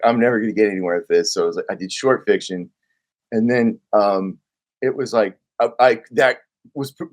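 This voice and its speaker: A middle-aged man from Oklahoma chats as a guest writer at a middling pitch. His talk wanders, full of restarts and filler words, relaxed and unscripted. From Oklahoma, United States. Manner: rambling, self-correcting, heavy on filler "like". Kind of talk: casual conversation.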